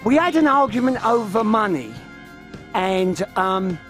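A man's voice: high-pitched, expressive, a little slow, a bit bright, faint music behind. A man in his fifties with a London accent, chatting casually and telling anecdotes as a radio guest in a studio. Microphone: studio microphone, headphones on.

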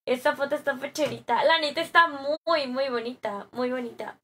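A young Mexican woman streaming live, chatting with viewers in a bubbly, slangy way, her voice a little hoarse from a sore throat. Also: sits high, normal speed, a bit bright. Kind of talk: live stream chat, greeting viewers and reading comments.

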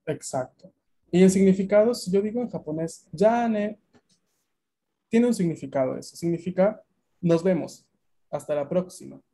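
A man's voice: high-pitched, normal speed, pauses often, mellow. A Latin American man teaching a beginner language class over a video call, explaining at length and often checking that students follow.

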